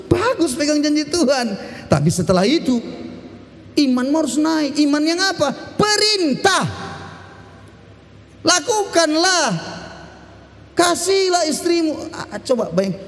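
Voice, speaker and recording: A man pastor giving a lively sermon, shifting from sudden shouts to slow, emphatic drops. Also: very high-pitched, big-room sound.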